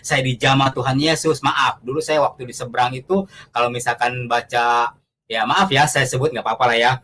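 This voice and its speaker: A man's voice: medium pitch, steady tone, brisk, sharp tone. Male guest, testimony storyteller, casual and earnest, acts out quotes; faint room noise. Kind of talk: conversational testimony.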